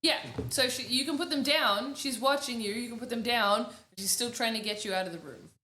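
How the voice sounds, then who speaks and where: Australian woman game master, steady, bright voice, echoey room. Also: a little high, a little fast. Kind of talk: narrating a tabletop game.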